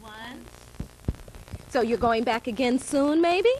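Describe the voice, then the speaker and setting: A woman from New York hosting a children's show, chatting with kids in a lively, encouraging way and laughing often. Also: on the high side, slow pace, slight background noise, low-quality recording. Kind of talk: casual chat with children.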